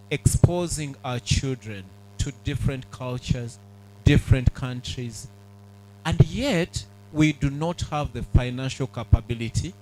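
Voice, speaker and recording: A middle-aged man addresses an audience in an earnest, measured way. He pauses often and uses fillers. His voice is mellow and dark, with a faint hum behind it. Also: medium pitch, low-quality recording. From Uganda. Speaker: speaker at a book launch. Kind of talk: public speech to an audience.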